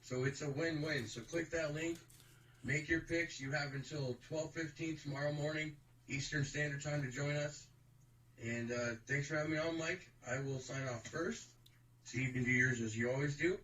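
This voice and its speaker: A man's voice: a little high, moderate pace, fairly bright tone. Man co-hosting from an echoey room. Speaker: co-host. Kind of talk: casual chat. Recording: echoey room with faint noise.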